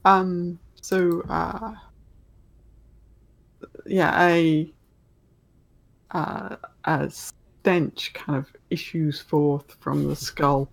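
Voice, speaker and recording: A man runs a tabletop game with improvised narration. His voice is gravelly and he talks slowly and haltingly, feeling for each word. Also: a little high, little pitch movement, poor audio. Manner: halting, searching for words. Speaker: game master.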